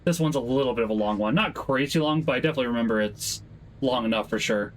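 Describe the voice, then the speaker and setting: A man's voice: mid-range voice, quick pace, slight background noise. A man giving casual live commentary as he streams a video game.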